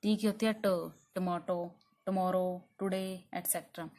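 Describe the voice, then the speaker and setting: A woman's voice: mid-range voice, steady tone, darkish tone. Hindi-speaking woman teaching pronunciation. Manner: explains step by step, often asks and answers her own questions; drills sounds slowly with frequent 'theek hai' checks. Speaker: spoken English teacher. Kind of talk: classroom lesson.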